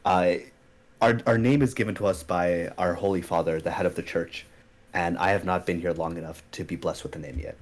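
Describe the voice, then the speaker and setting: A man's voice: low-pitched, steady tone, fairly quick, slight background noise, lightly acted. A man voicing a humble young priest who has no name yet, polite and deferential, in a tabletop game. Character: humble nameless young male church priest.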